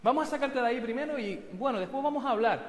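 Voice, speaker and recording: A calm, patient voice of God calls down from above, as a preacher puts it on. It gives steady instructions in a fairly high tone. The words ring out in a reverberant church hall. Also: male voice, quick pace.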